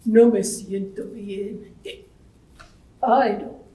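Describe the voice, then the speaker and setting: A woman voicing a gentle, hiccuping ghost in a bilingual children's puppet show, saying each line in English and Spanish. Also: mid-range voice, fairly even intonation, extremely slow. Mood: fretful. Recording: echoey room, far from the mic.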